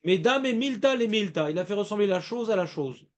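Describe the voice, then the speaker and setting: A man teaching a Talmud class, explaining in a lively way and quizzing his students. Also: sits high, fairly quick. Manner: lively, asks students questions, playful rhymes.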